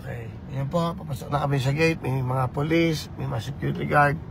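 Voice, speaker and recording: A man chatting on a live vlog from inside a moving vehicle, talking in an animated and preachy way as he mixes languages. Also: medium pitch, a little fast, vocal fry, noisy background. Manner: animated, code-switching, preachy. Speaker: vlogger campaigning for office.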